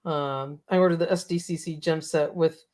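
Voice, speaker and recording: A woman co-hosting a casual talk show, chatty and quick to laugh, her voice a little cracked. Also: low-pitched, steady tone, darkish tone. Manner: chatty, laughs often, reads out viewer comments. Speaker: podcast co-host. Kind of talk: casual chat.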